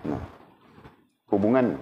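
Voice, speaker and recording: A man with a fairly low voice gives a casual religious lesson, speaking conversationally and often pausing to check that his students understand. The recording sounds dull and lo-fi. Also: very animated, a little hiss or hum. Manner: conversational, keeps checking in with listeners. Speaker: religious teacher. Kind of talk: casual teaching talk.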